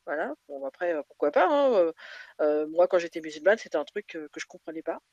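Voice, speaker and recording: A woman's voice: lowish voice, big pitch swings, fast, a little mellow, no room sound, lo-fi sound. A woman guest in a casual live audio chat, hesitant and full of fillers.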